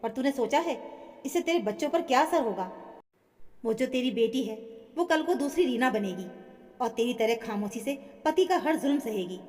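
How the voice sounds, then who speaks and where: A woman's voice: a little high, expressive, normal speed, in a large hall, lightly acted. A woman voicing a stern protective mother-in-law. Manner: scolding, forceful.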